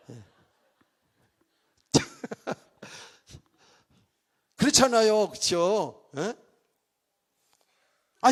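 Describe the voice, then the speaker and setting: A middle-aged male pastor delivering a sermon in a church sanctuary, his voice gravelly and a little husky. He preaches in a loose, chatty way, tossing jokes and questions to the congregation. His voice sits somewhat high for a man. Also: fairly bright tone. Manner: chatty, joking asides to the congregation.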